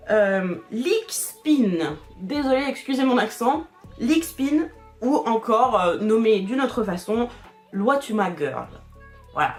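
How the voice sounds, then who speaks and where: Woman, casual voice-over explainer, mid-pitched, halting and filler-heavy, light music underneath. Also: a little mellow. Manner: hesitant, many fillers and restarts, laughs often. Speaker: video creator explaining internet history. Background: faint background music.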